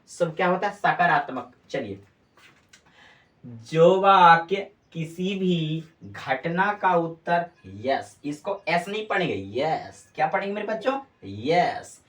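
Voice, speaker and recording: Low-voiced woman teacher drilling students. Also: recorded from a distance. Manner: asks questions and answers them herself, repeating key words; scolds the students with mock impatience. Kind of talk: classroom-style grammar lesson.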